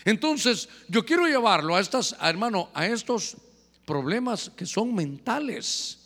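Male pastor, high voice, fervent sermon delivery, long hall reverb. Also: very animated, a little slow, fairly bright tone. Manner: fervent preaching, often addressing "hermano".

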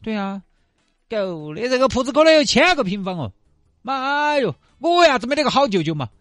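A man's voice: very high voice, very animated, brisk, fairly bright tone, no room sound, studio quality, faint music behind, voice pushed up, heavily acted. A man playing an envious young village man with a Sichuanese accent, grumbling sourly about a friend in a comic storytelling skit. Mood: resentful. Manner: sour, complaining.

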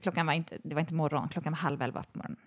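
A woman co-hosting a podcast, telling an anecdote in a lively, chatty way with casual swearing. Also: low-pitched. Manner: lively, swearing, many fillers and quick laughs. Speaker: podcast co-host. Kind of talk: casual chat, storytelling.

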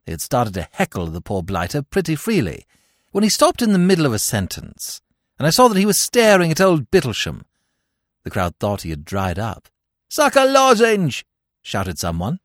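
A man narrating a classic comic story as podcast host, with expressive storytelling. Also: medium pitch, moderate pace, dry recording, clean studio sound.

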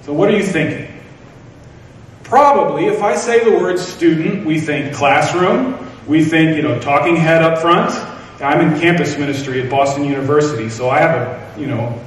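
A man's voice: on the high side, normal speed, slight background noise. A man preaching a sermon, telling stories with self-deprecating humor. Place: church hall. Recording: echoey hall from far off.

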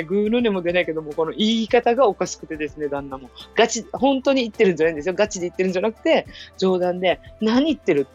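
A woman hosting a casual solo show, chatting and telling stories about herself with laughter. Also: medium pitch. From Okinawa. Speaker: radio show host. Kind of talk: casual solo podcast talk. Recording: dull lo-fi sound with faint music.

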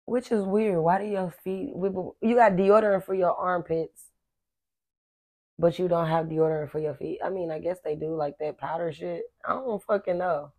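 A woman co-hosting a casual podcast, her voice on the lower side. She talks in chatty, profane slang and laughs a lot. The sound is dry and close. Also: steady tone, moderate pace, a little mellow, no echo. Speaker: podcast co-host. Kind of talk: casual chat.

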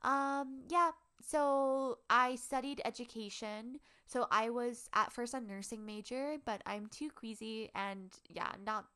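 An American woman in her twenties from Hawaii, a podcast co-host telling personal stories casually in a halting, informal and self-effacing way. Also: fairly high pitch, sharp tone, clear, resonant tone. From Hawaii, United States. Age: 20s.

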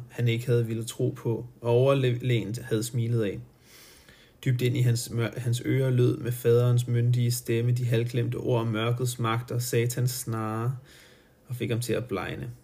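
A man's voice: medium pitch, flat delivery, a little mellow. A man reading a novel aloud for someone close to him, stumbling now and then and correcting his slips. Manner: halting, stops to correct his own slips. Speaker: reader.

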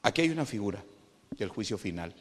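A man with a Guatemalan accent preaching a sermon, animated and emphatic, often calling his listeners "brother". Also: lowish voice, quick pace, long reverb tail. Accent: Guatemalan Spanish. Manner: animated, addresses listeners as "hermano", rises to loud emphatic peaks.

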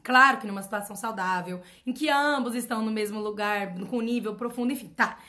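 A personal development mentor speaks to her followers in an emphatic motivational talk, repeating her points and firing off rhetorical questions. Her voice is fairly high, pushed, and bright, and she talks a little fast.

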